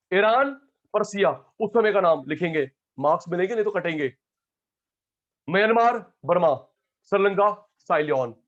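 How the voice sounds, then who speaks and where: In a live classroom lecture, a man teaching economics calls on students by name, swinging between loud calls and quiet asides. His voice sits high, and the recording is muffled.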